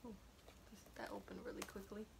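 A woman's voice: mid-range voice, level tone, a little fast, creaky. A young woman chatting casually as she unboxes a package, rambling and trailing off mid-sentence. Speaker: vlogger. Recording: noisy home recording.

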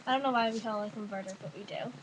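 A woman's voice: mid-range voice, very fast. A young woman from Ontario with a Canadian accent, chatting casually on a webcam and reading a word list, rambling with lots of "like" and "I don't know". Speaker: vlogger. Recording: noisy webcam recording.

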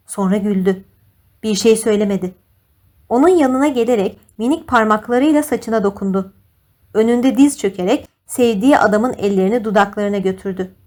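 A woman narrating an audiobook in a measured, expressive storytelling manner. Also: medium pitch. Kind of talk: scripted narration.

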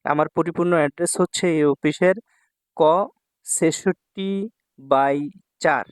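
A man's voice: fairly high pitch, measured pace, dry recording. A man from Bangladesh teaching Japanese kanji in a lesson, repeating words and checking in with his students often. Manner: repeats words and asks "ঠিক আছে?" often.

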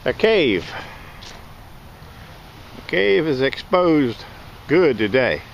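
A man's voice: mid-range voice, extremely slow, vocal fry, lo-fi sound, a little hiss or hum. A man wading in shallow water on a beach, chatting casually while he hunts with a metal detector, recorded on a body-worn camera. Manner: relaxed, chatty, laughs often.

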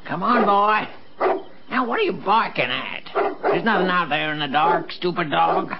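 In a full character voice, a man portrays a rambling old country man in an old-time radio drama, a kindly dog owner given to folksy grumbling and muttering to himself. He sounds high-pitched, animated and unhurried, with vocal fry, and the old recording is dull and noisy.

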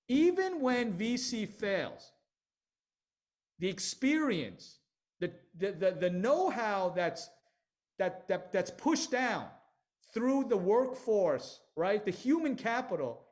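A middle-aged man speaking on a video call in an online panel discussion, energetic and emphatic, often restarting his sentences. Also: extremely high pitch. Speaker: venture capital panelist.

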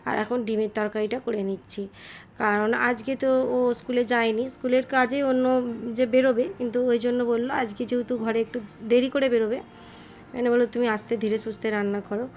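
A woman's voice: on the high side, steady tone, fast, muffled recording, soft background music. A woman in her thirties chatting casually in a voice-over about her cooking and housework, rambling and losing her train of thought. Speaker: home cooking vlogger.

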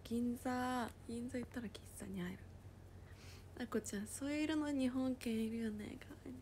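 A woman casually chatting on a livestream, reading viewer comments aloud and often dropping into a soft whisper. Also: fairly high pitch, normal speed, a little hiss or hum. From Japan.

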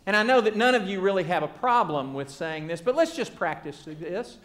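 A man preaching a sermon, earnest and rhythmic, building phrases by repetition and often letting them fall to a soft hush. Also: sits high, animated, brisk.

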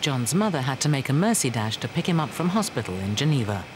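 Male narrator, scripted TV documentary, animated mid-range delivery over background noise. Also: medium pitch, fast. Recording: clear background location noise.

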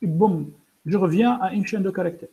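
A man's voice: sits high, fairly quick, vocal fry, lo-fi sound. A man teaching a coding lesson in French, explaining step by step with many fillers and restarts, and apologizing for his English. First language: French-speaking, pronounces English words poorly. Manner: explains step by step, addresses students directly. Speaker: programming instructor.

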